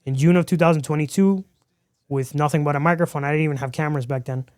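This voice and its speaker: A fast talker from Miami, Florida, tells his story as a guest in a casual podcast interview, bringing the lines he quotes to life. His smooth, clear voice is a little higher than most men's, and the sound is close and dry, without room echo.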